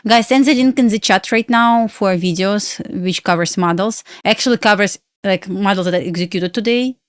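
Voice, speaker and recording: A woman with a mid-range voice at moderate pace, studio quality and no room sound, chats casually while streaming live as a futures day trader. She is from Belarus, speaks Russian natively, and comes across bubbly and giggly with loose non-native grammar.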